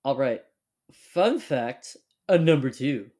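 A man's voice: medium pitch, animated, takes it slowly, darkish tone, breathy edge. A young man hosting a casual chat, rambling with lots of fillers. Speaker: podcast host.

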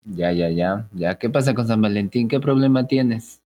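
A young man co-hosting a casual comedic chat, teasing and sarcastic with deadpan jokes. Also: on the low side, moderate pace, dull audio. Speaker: co-host.

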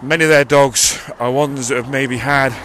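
A vlogger with a mid-range, slightly bright male voice rambles through an audio diary at a moderate pace, his intonation fairly even. He walks beside a busy road holding a cupped handheld mic, correcting himself as he goes and getting out of breath on the uphill stretch. Passing traffic fills this outdoor street recording.

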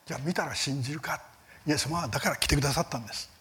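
A man giving a Bible seminar lecture, earnest and emphatic, with rhetorical questions and line ends that fade to a near whisper. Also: racing. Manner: lively rises in pitch on key words, soft fading line ends. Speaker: Bible teacher.

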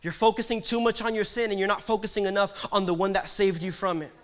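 High, bright-voiced male preacher. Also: little pitch movement, fast. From Puerto Rico. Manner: dynamic preaching with big swings from hushed to loud. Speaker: pastor. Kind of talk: sermon.

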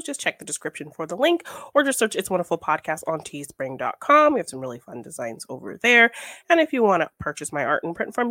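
A woman's voice: deep voice, fairly bright tone, no room sound, studio quality. A woman co-hosting a podcast, running through plugs in a bubbly, chatty way. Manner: bubbly, laughs often. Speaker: podcast co-host. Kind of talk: casual podcast sign-off.

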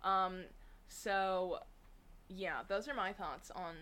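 A young woman co-hosting a podcast in casual chat, talking quickly and teasing her co-host. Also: mid-range voice, pushed and bright. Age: young adult.

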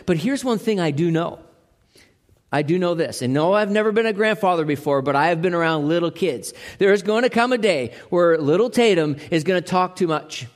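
A man in his fifties with a fairly high voice delivers an earnest, conversational sermon. He talks like a pastor chatting with his flock and often trips into restarts. His voice rings out with a long reverb, as in a big hall.

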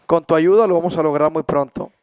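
Man, mexican spanish accent, casual podcast host, animated, acts out quotes, dry close sound. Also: on the high side, fast talker, clear, resonant tone, no room sound. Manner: animated storyteller, acts out quotes in raised voices.

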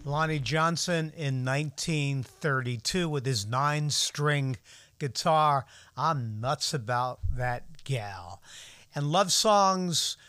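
A man hosting a music show, introducing vintage records in a halting, measured, unscripted way. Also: on the high side, a bit bright, clean tone, no echo. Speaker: radio music show host.

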